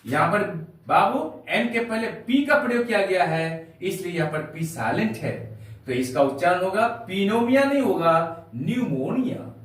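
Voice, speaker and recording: A man's voice: high voice, lively intonation, normal speed. A man teaching a spoken English lesson, spelling out words letter by letter and addressing viewers as dear children. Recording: echoey room, voice from far off the mic.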